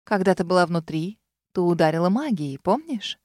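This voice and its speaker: A woman voicing a treacherous old grandmother witch in an audiobook, speaking in a soft, honeyed, condescending way. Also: fairly low pitch, animated, normal speed, dry recording, clean studio sound, pitched below the performer's own voice, close to an everyday voice. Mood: calm mocking. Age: older.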